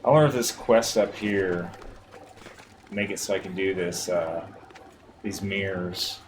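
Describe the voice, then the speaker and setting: A man commentating his gameplay on a livestream, muttering to himself and cursing at the game. His voice sits low, with steady background noise on the stream audio. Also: unhurried, low-quality recording.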